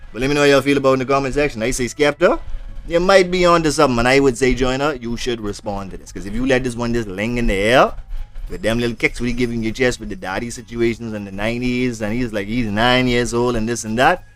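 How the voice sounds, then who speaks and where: A man giving casual, jokey reaction commentary, talking back to a song and now and then yelping into high voices. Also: fast talker. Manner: animated, jokey, yelps into high put-on voices.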